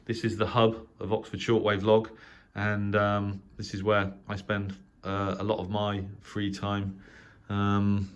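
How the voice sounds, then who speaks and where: A middle-aged English channel host and shortwave radio hobbyist speaks unhurriedly in a fairly low, completely flat voice, and the recording sounds muffled. He casually narrates an unscripted tour of his small spare-bedroom radio shack indoors, hesitant and rambling. The home room recording is clearly noisy.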